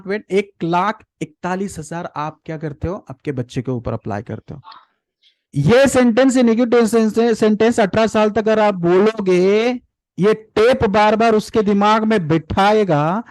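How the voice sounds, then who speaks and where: A man's voice: high-pitched, a little mellow, dry recording. A man leading a live parenting workshop over a video call, who lectures animatedly, repeats his key points and calls on participants by name. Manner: asks rhetorical check questions. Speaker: parenting and personal development trainer.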